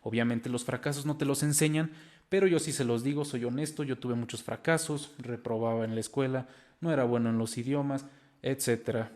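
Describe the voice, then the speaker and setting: A man's voice: medium pitch, a little mellow. Young Mexican guy in his 20s, earnest, encouraging motivational host talking to camera. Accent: Mexican Spanish. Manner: earnest and encouraging, addressing viewers directly. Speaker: language-learning video host.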